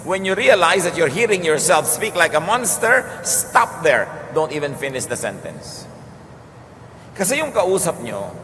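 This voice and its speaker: A man with a Filipino accent giving a calm teaching sermon, moving between Tagalog and English. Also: medium pitch. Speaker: preacher. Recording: long hall reverb with faint noise.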